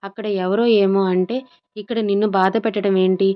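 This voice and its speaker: A woman's voice: mid-range voice, flat delivery, brisk, lo-fi sound, natural voice. A woman narrator voicing a protective older brother, fond yet scolding. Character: protective older brother, caring but angry.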